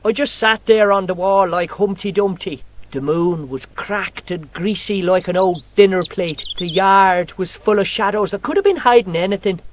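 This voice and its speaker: A man's voice: high-pitched, normal speed, noisy background, close to an everyday voice. Man voicing a lippy Irish street kid. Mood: spooked storytelling. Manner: cocky, tall-tale telling, broad colloquial speech. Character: cheeky streetwise Irish boy, lippy and boastful.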